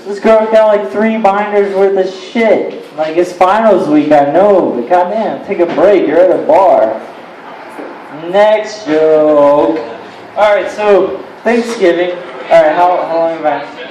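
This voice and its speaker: A man's voice: high voice, slow pace, a little mellow, echoey room, slight background noise, low-quality recording. A young man doing a rambling, crude, self-mocking stand-up set at an open mic in a bar. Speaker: stand-up comedian. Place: bar with a live crowd.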